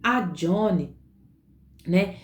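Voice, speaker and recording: A woman telling a dramatic story to children, animated, with sound effects and fillers. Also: lowish voice, extremely slow. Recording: roomy echo.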